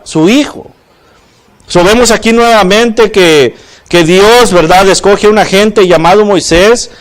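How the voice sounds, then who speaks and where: A man preaching a sermon, often putting questions to the congregation and adding "¿verdad?". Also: sits high. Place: church.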